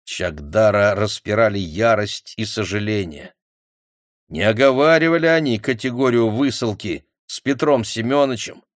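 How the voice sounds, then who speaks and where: A man narrating an audiobook in a measured, expressive reading. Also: lowish voice, no echo, clean studio sound. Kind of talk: scripted narration.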